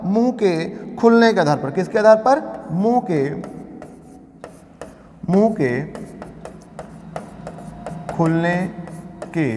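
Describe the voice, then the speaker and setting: Male grammar teacher, high voice, quizzes his class and answers himself, reverberant room. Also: a little hiss or hum. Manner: asks questions and answers them himself, repeating key terms. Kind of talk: classroom lecture.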